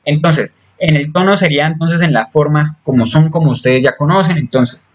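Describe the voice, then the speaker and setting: A man's voice: a little high, a bit bright. A man giving a recorded psychology class, explaining step by step with fillers, restarts and frequent "¿sí?" check-ins. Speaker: psychology lecturer.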